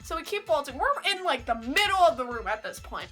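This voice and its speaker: A young woman, telling a story to camera in a chatty, animated way and saying "like" a lot. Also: high-pitched, brisk, soft background music, poor audio. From Canada. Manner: chatty, heavy use of "like", animated retelling. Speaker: vlogger. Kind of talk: casual storytelling.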